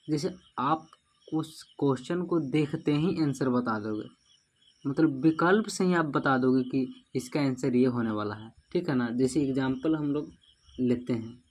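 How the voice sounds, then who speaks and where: A man teaching a grammar lesson, repeating each rule and spelling words out syllable by syllable, often checking in with "okay?". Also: medium pitch. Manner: repeats rules, asks "ठीक है ना" often.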